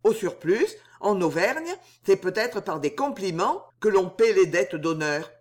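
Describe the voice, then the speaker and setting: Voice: mid-range voice, very animated, unhurried. Reader doing an arrogant count from an old novel, sneery and hotheaded, lots of swing in the voice. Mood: sneering. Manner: sneering, then raging. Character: haughty, hot-tempered adult male count.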